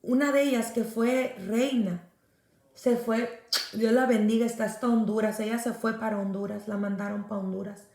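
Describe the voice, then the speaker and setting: A woman's voice: fairly high pitch, fairly even intonation, moderate pace, darkish tone. A woman pastor giving an earnest personal faith testimony, speaking directly to her listener. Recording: roomy echo.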